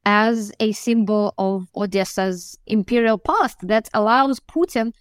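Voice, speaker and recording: Appearing as a foreign correspondent on a news podcast, this woman gives her answer over a dry remote connection without any echo. Her mid-range voice moves at a measured pace, and she comes across as reflective and searching, restarting frequently.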